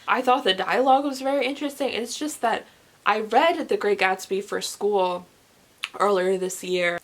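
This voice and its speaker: A young woman who vlogs about books chats casually and emphatically to camera, reviewing titles informally. Her voice is medium-pitched and a bit bright.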